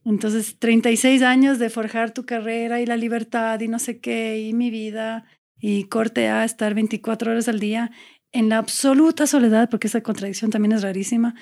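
A woman's voice: a little high, fairly even intonation, normal speed, darkish tone. A woman in her forties, an actress speaking as a podcast guest, earnest and reflective as she talks in long, searching sentences. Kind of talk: candid conversational interview.

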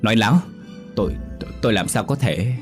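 A man's voice: fairly low pitch, animated, fast, soft background music, voice pushed up, natural voice. A man voicing a scheming, bitter middle-aged woman who snaps back defiantly in a ghost story. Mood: defensive. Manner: sharp, defiant retorts.

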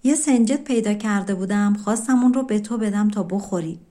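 An earnest, gentle young girl speaks from the pages of an old folk tale, as a woman narrator puts her on. She sounds soft-spoken and sincere, a devoted sister pleading her case. It is plain storybook reading, with a voice in the middle of the female range. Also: medium pitch, close to an everyday voice. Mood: apologetic.

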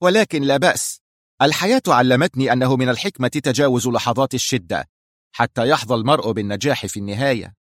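A man's voice: mid-range voice, fast talker, no echo, studio quality, natural voice. A man voicing a tense woman spy chief who answers back in short, irritated lines. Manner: clipped, irritated. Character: tense, sharp-tongued woman spy boss.

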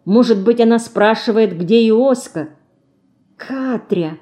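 A woman's voice: medium pitch, lively intonation, unhurried, warm tone. A woman reading an audiobook as scripted narration, telling it expressively and with emotion. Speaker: audiobook reader.

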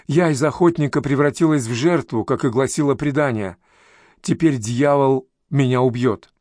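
A male narrator voicing a frightened young woman fleeing danger, speaking in a hushed, tense, pleading way. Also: medium pitch, normal speed, no room sound, studio quality, natural voice.

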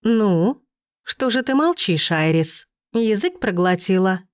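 A woman voicing a cruel, haughty noble stepmother who speaks with venom and turns shrill. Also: lively intonation, slow pace, clear, resonant tone, no room sound, clean studio sound. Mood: scornful.

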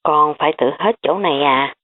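A woman voicing a spirited, stubborn teenage girl who protests in high, quick outbursts. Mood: protesting. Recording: tinny phone-like audio.

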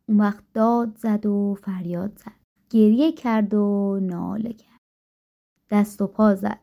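A woman narrating a folk tale in a calm, gentle storytelling manner. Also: medium pitch. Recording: dull lo-fi recording.

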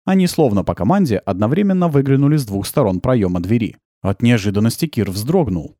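A man narrating an audiobook in a calm, even storytelling manner. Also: medium pitch, a little fast, no echo, studio quality.

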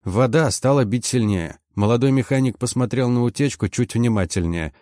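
Brief: male audiobook narrator, mid pitch, tense storytelling, very dry close recording. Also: moderate pace, mellow, no room sound. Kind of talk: first-person audiobook narration.

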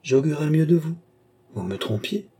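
A proud, impassioned young noblewoman, read by a man, her dark, husky tone climbing into sharp bursts of command. She pleads hard and refuses to be held back. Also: fairly high pitch, lively intonation, moderate pace, voice pushed up. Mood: frantic. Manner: pleading, rising to commanding outbursts. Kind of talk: audiobook character reading.

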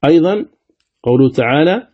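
A man's voice: on the high side, animated. Man teaching Quran recitation, dull lo-fi sound. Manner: explains step by step, then chants examples with long drawn-out vowels. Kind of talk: recitation lesson. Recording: dull lo-fi recording.

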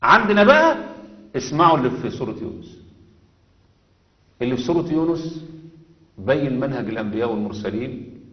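A man's voice: medium pitch, very animated, a little fast, long pauses. A man with an Egyptian accent giving a religious lesson, stressing points and asking rhetorical questions. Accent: Egyptian Arabic. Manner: emphatic, asks rhetorical questions. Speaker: religious teacher. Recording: dull echoey hall recording.

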